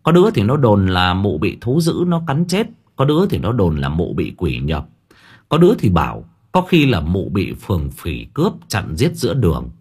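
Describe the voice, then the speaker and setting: Audiobook narrator, male, very deep and husky, lively earthy delivery. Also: normal speed. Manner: colloquial, crude and vivid. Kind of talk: storytelling narration.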